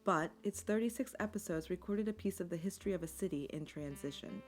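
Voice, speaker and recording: A woman giving scripted documentary narration in a measured, articulate storytelling manner. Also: lowish voice. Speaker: video essay narrator. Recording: music bed under the voice. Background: instrumental music.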